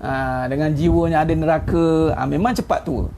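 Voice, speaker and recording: A man's voice: on the high side, fairly even intonation, moderate pace, gravelly, dark tone, a little hiss or hum. A middle-aged man with a Malaysian Malay accent gives an informal religious talk online as an ustaz. He is chatty and teasing, and chuckles at his own jokes. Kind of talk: informal sermon.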